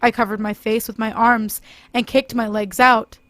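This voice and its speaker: A woman narrating a first-person horror story in a steady, scripted delivery. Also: on the high side, moderate pace, dry recording, soft background music.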